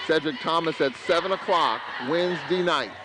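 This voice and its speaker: A man calling college basketball play-by-play, bursting into excited calls on big plays. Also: a little high, moderate pace. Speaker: play-by-play announcer. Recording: crowd and arena noise behind.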